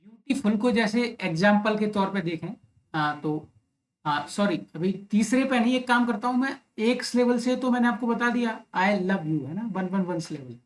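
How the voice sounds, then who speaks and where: Hindi-speaking teacher with constant check-ins. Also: male voice, sits high. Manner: explains step by step with frequent "right?" tag questions; reads English lines very slowly. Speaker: English literature teacher. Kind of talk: online exam-prep lecture.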